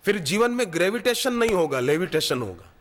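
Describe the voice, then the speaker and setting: A man's voice: high-pitched, very animated, brisk, long reverb tail. A man preaching a devotional sermon, telling stories and driving his points home through repetition. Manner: storytelling, emphatic repetition. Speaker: spiritual preacher.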